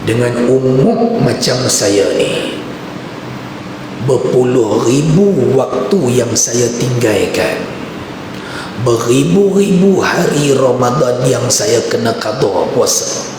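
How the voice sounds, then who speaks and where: Play it low and plain: a remorseful man in his sixties, choked with regret, as a preacher retells him, with a long mosque-hall echo. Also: lively intonation, slow pace. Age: 60s. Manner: sobbing, repeating himself in despair. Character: tearful elderly man, remorseful and pleading. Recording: echoey mosque hall with background noise.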